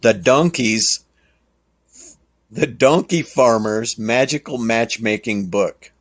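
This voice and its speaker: A man hosting a podcast, talking casually in a rambling, chuckling way. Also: mid-range voice. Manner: rambling, chuckling, slow and drawn out. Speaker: podcast host. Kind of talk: casual monologue.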